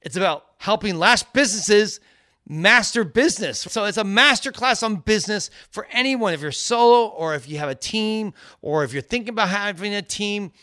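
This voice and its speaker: A man's voice: sits high, animated, normal speed, sharp tone, dry recording, studio quality. A man co-hosting a business podcast, talking in a rambling, upbeat, conversational way. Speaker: podcast co-host. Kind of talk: casual business podcast chat.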